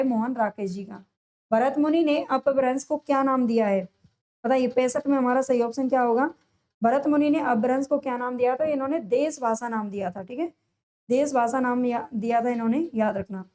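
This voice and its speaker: A woman teaching a lesson for competitive exams. She asks each question, answers it herself, and repeats the key answers slowly with stress. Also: high-pitched, a little mellow. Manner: drawn-out, stressed delivery on answers. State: sore throat. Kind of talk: exam-prep lesson, solving multiple-choice questions.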